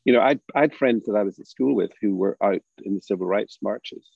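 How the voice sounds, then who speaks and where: An older man from Northern Ireland with a Northern Irish accent, speaking as a drama educator in a thoughtful, halting way with many restarts. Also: fairly low pitch, creaky, a little mellow, no room sound, dull audio. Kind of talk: reflective interview talk.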